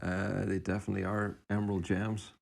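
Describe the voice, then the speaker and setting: A man's voice: low-pitched, monotone, brisk, creaky. A man co-hosting a podcast, reading out listener suggestions and adding brief, informal remarks in casual unscripted chat. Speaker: podcast co-host.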